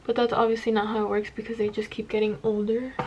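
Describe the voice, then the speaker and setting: A young woman with a slightly high voice talks casually to her viewers while getting ready. She rambles and wanders off on tangents, slangy and self-deprecating, swearing freely. There is some noise behind her voice. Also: flat delivery, fast talker, highs cut off. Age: 19, about to turn twenty. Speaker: beauty vlogger. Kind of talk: casual get-ready-with-me chat.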